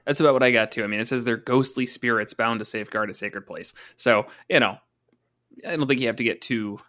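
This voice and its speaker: A man co-hosting a podcast, explaining tabletop game lore casually and jokingly, often halting to correct himself. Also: mid-range voice, fairly bright tone. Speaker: podcast co-host.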